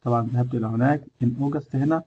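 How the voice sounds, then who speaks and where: Egyptian guy teaching english, husky, kinda muffled lo-fi audio. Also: mid-range voice, fairly even intonation. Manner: explains in English and Egyptian Arabic by turns, with many "uh" pauses. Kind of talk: recorded lesson over slides.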